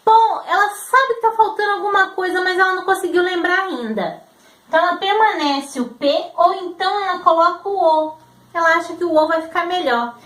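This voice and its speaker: A woman, teaching patiently and sounding out syllables slowly as she explains. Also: extremely high pitch, fairly bright tone. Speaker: literacy teacher. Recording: roomy echo.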